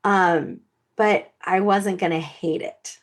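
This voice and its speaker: A woman's voice: fairly low pitch, fairly even intonation, slow. A woman co-hosting a podcast, speaking earnestly and frankly, often repeating words as she thinks. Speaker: podcast co-host. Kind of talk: casual podcast chat.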